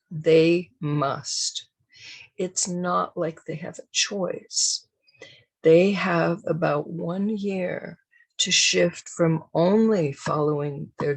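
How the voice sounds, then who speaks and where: A woman hosting a parenting show, giving a deliberate, emphatic scripted talk to parents. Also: sits low, gravelly, breathy edge, low-quality recording. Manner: slow, deliberate, emphatic delivery. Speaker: parenting educator and show host.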